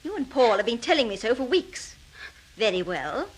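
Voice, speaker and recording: An actress playing a weary woman freed from captivity, bitter and quietly vengeful, in a radio thriller. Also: a little high, big pitch swings, normal speed, husky, low-quality recording. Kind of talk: scripted radio thriller acting.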